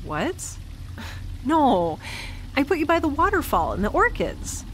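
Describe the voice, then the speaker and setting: A woman plays the lead in a naturalistic audio drama: a chatty, quirky space dweller who is anxiously upbeat and talks to herself in a wry, rambling, self-reassuring way, sounding upbeat but defensive. Her high, fairly bright voice has huge pitch swings at a measured pace, in a full character voice. There is a little hiss or hum.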